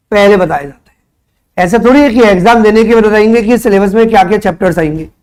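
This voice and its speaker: High-voiced Indian man teaching a class. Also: darkish tone. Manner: conversational, quizzes students with rhetorical questions; mixes Hindi with English terms. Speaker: tutor. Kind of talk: classroom lecture.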